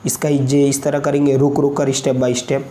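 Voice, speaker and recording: A man's voice: medium pitch, monotone, moderate pace, mellow, a little hiss or hum. A man with an Indian Hindustani accent teaching Quran reading in a recorded lesson, patiently drilling letters syllable by syllable and often checking in with the learner. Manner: frequent checking asides.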